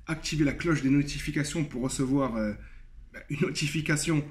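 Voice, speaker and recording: Man, fairly high voice, video lesson, step-by-step explanation, slow repeated examples, hesitant fillers. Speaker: Arabic teacher.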